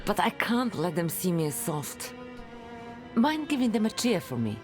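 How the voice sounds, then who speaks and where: A tough, wry female militia commander from a fantasy game. Her low voice moves in lively swings, with music behind. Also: normal speed. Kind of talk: video game character voice acting.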